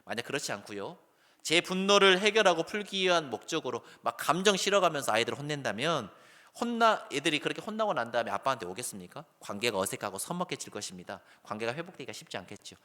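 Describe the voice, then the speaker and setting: A man's voice: medium pitch, fast. Man preaching in a big reverberant hall. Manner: animated preaching, acts out calls in a raised voice, then drops soft. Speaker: pastor. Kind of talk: sermon. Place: church sanctuary.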